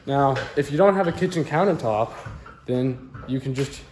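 A man's voice: mid-range voice, moderate pace, a little mellow, a little hiss or hum. Goofy young man narrating a workout. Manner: goofy, teasing commentary. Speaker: workout vlogger. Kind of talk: joking workout demo. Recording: music playing underneath. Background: background music.

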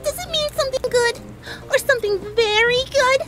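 A woman's voice: very high-pitched, animated, normal speed, over music, low-quality recording. A woman voicing a hyper, chatty young female pony baker in a fanfic reading, bubbly and rambling.

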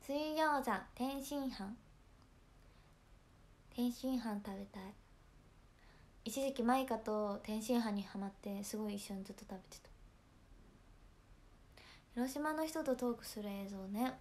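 A young woman from Hiroshima with a Hiroshima accent, chatting casually on a livestream and often dropping into soft whispers between giggles. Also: a little high, measured pace, pauses often. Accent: Hiroshima Japanese. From Hiroshima, Japan. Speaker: idol livestream host.

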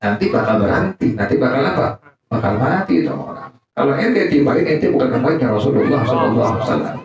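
A man's voice: medium pitch, very animated, quick pace, a crowd in the background. A male Islamic teacher giving a religious study sermon in casual colloquial speech, mixing in Arabic quotations and quizzing his congregation call-and-response style. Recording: echoey distant dull recording.

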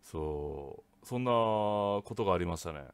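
Low-voiced man telling a casual ghost story. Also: unhurried. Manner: rough, casual speech with lively swings. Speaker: ghost story teller, channel host.

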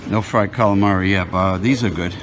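Holding his phone, a man with a low, steady voice records himself moving through a restaurant buffet at a quick pace, with background noise around him. This vlogger talks casually and mumbles to himself as he picks dishes.

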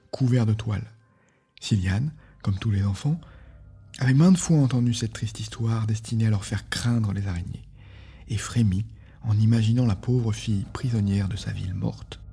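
A male podcast host reading a fantasy novel aloud in a calm, measured narration. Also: medium pitch.

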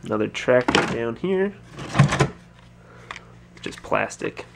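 A man's voice: medium pitch, expressive, slow, vocal fry, very noisy. A man thinking aloud in a casual vlog as he sorts through totes in a cluttered stock room, filmed on a handheld camera. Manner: musing, thinking aloud while sorting. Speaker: resale store owner. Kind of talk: casual narrated unboxing vlog. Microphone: handheld or head-mounted camera.

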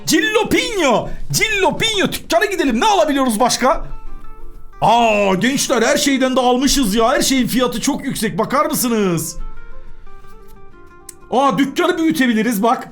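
A man hosting a gaming channel, giving excitable, chatty commentary while he plays and talks to the customers in the game. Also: extremely high pitch, normal speed, pauses often, soft background music.

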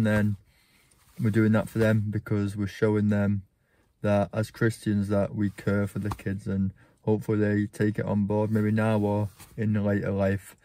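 A man with a fairly low-pitched, dark voice records a reflective church vlog, talking earnestly to his phone camera from a parked car. He says "um" often, the phone is held at arm's length, and there's no room sound.

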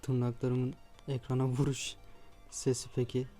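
An excitable man narrates his mobile gameplay as it happens, his voice mellow and relaxed in tone. He swings between easy banter and frustrated outbursts, with faint music running underneath. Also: medium pitch, a little slow. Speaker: mobile gaming YouTuber. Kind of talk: live gameplay commentary. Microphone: phone recording gameplay.

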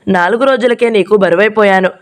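A woman's voice: mid-range voice, fairly quick, close to an everyday voice. Female narrator doing a middle-aged cheating husband, resentful and sulky, lightly characterised. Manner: bitter, sulking complaints. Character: remorseful middle-aged married man who strayed. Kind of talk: audiobook character reading.

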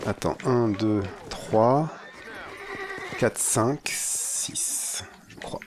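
A man's voice: mid-range voice, very slow, background noise. Laid-back man chatting over a game. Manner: joking, relaxed banter. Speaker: let's play host. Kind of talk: casual gameplay chat.

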